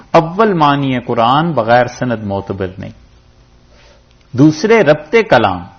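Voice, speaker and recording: A man from Pakistan giving a religious lecture on Quran commentary, teaching with animated rises and drops for emphasis. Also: mid-range voice, gravelly, breathy edge. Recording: dull lo-fi lecture recording.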